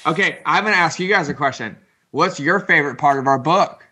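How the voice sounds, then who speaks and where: A man's voice: a little high, a little fast, bright, forceful tone. Joking man rambling in a casual chat.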